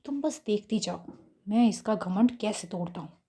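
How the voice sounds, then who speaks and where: A woman narrator voicing a calm, polite young man who quietly schemes, speaking in an even, offhand way. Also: medium pitch, normal speed, husky, voice pushed down. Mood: scornful. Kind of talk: audio story character voice.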